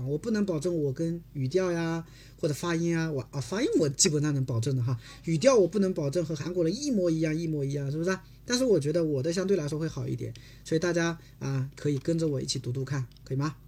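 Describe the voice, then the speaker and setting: A rapid-fire livestream Korean lesson from a teacher from China, the voice a little husky and breathy. The teacher explains each point in Chinese and reads the Korean example sentences in between. Nearly every remark ends by checking in with the viewers. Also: mid-range voice, warm tone. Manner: constant tag questions to the audience.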